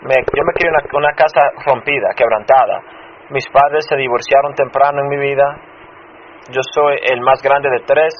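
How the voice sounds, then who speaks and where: A man who grew up in Chicago and serves as a pastor, giving a personal testimony in a sermon, halting and restarting often. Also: medium pitch, steady tone. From Chicago, United States. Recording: dull muffled sound with faint noise.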